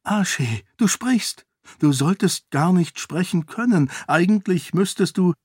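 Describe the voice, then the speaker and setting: A man reading a young noblewoman's lines in a raised, higher voice in an audiobook. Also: lively intonation, normal speed, slightly rough, dry recording, studio quality. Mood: astonished. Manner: lifts his voice high and bright for her. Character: young noblewoman, stunned, quick-witted. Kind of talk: audiobook character voice.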